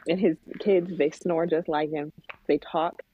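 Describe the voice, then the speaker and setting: A woman's voice: sits low, steady tone, unhurried, breathy edge. A woman guest in a casual chat, blunt and exasperated, mimicking voices, heard over a tinny phone-like line.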